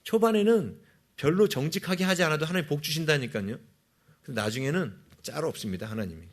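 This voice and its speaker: A man's voice: a little high, lively intonation, quick pace. A male pastor giving a sermon, asking the congregation questions and answering them himself.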